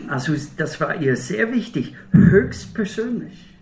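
A middle-aged man from Minnesota, USA preaches in German with an American accent, his high voice very animated and a bit slow. He tells stories earnestly with wry humor, recorded from a distance in a roomy hall with slight hiss or hum.

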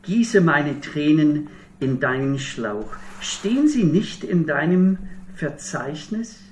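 A man's voice: a little high, expressive, slow pace, a little hiss or hum. A middle-aged man from Minnesota preaching a sermon in German with an American accent, telling stories earnestly with wry humor. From Minnesota, USA. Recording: roomy hall heard from a distance.

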